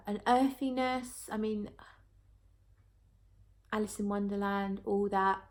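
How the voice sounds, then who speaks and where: A woman's voice: medium pitch, a little mellow. A woman talking casually to viewers as a reviewer, chatty and thinking aloud as she goes. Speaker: perfume reviewer.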